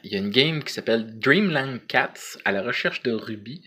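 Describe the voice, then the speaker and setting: A man's voice: medium pitch, lively intonation, normal speed, pushed and bright, husky. A man with a Quebec French accent chatting casually to camera as a vlogger, hesitant and rambling, in colloquial slang.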